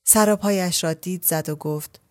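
A woman narrating a literary story as an audiobook, reading at a measured pace. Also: on the low side, darkish tone.

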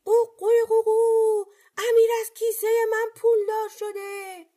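Boastful storybook rooster, shrill and crowing, drawn-out calls, voiced by a woman. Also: little pitch movement, dark tone. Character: boastful defiant rooster, male, never admits defeat.

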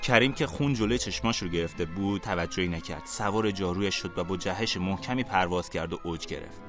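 A man calmly narrating a fantasy storybook for a podcast. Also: deep voice, over music.

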